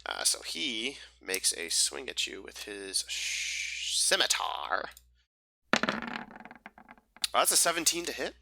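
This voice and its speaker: A man's voice: medium pitch, very animated, slow, gravelly, pauses often, sharp tone, a little hiss or hum, poor audio. A young man running a tabletop game over a voice call, casual and rambling, full of fillers and restarts. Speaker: game master.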